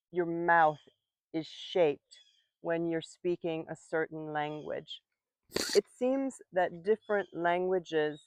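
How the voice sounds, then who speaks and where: A woman teaching English slowly and clearly while working in her garden. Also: lowish voice, dry recording, muffled recording. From United States. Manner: slow, clear, patient explaining. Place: outdoor garden, rooster in background.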